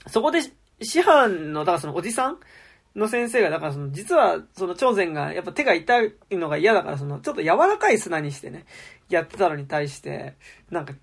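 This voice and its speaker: Co-hosting a casual podcast about a TV drama, a woman with a lowish, gravelly, slightly rough voice talks a little fast. She's animated and acts out quoted lines as she goes.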